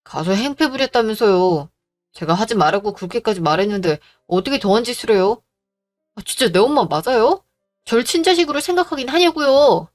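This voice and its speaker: A woman voicing a gentle, devoted young man who pleads softly, in a storybook drama reading. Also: mid-range voice, animated, fairly quick, faint music behind, natural voice. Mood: upset. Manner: pleading, soft-spoken.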